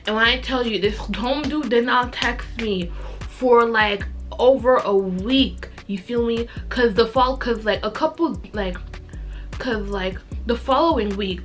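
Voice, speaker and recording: A young adult woman vlogger telling stories in casual, slangy girl talk with an animated, emphatic delivery. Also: medium pitch. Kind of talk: casual chatty girl talk, storytelling to camera.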